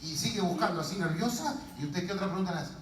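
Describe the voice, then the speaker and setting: Speaking very fast in a high voice, a man preaching as a guest in a church tells funny, animated stories as part of his sermon. He's captured from far away in a reverberant hall, with a crowd audible in the background.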